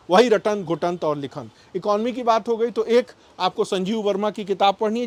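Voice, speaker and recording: A man, an exam coach giving emphatic advice to students and listing topics in short bursts. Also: high-pitched.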